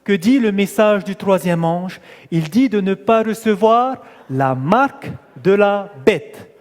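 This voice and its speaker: A man's voice: high-pitched, expressive, takes it slowly, darkish tone. Man, preacher, sermon, questions and answers, long hall reverb. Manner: asks the audience questions and answers them, stressing key words. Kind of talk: sermon teaching.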